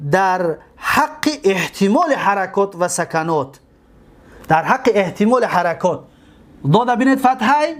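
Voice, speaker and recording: Man, Tajik accent, high-pitched, classroom lecture, repeats forms slowly, asks and answers his own questions. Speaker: teacher. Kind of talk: classroom lecture, explaining grammar.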